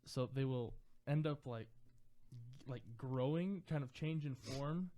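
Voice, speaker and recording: A young man co-hosting a podcast talks in a loose, rambling way, full of "like" and restarts. His voice has a mellow, darker tone. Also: mid-range voice, takes it slowly. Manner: rambling, many fillers like "like". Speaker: podcast co-host. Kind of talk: casual chat.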